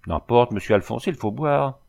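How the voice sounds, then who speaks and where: A man voicing a gentle but bossy young woman nursing a patient, in an audiobook reading. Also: mid-range voice, lively intonation, moderate pace, creaky. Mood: coaxing, bossy. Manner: softly commanding, coaxing.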